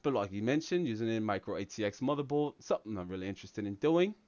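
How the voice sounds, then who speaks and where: An American livestream host doing a hammy mock-London accent, full of mates and chaps. The sound is slightly muffled. The room is dry, with no echo. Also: male voice, mid-range voice, brisk, clear, resonant tone, close to an everyday voice. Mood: playful. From United States. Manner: hammy put-on accent with Brit slang. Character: American man faking a London English accent. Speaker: tech channel host.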